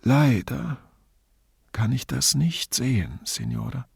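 Man putting on a blind man, plaintive, martyred, higher-pitched voice. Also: expressive, takes it slowly, gravelly, husky, dry recording, studio quality, exaggerated voice. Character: blind man, self-pitying and cunning.

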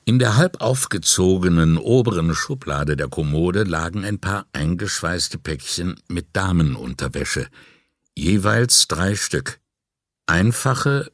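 A man with a deep, low voice reads an audiobook crime story in a measured, calm way. The recording is dry and close, made in a studio booth. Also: no echo. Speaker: audiobook narrator. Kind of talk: scripted narration.

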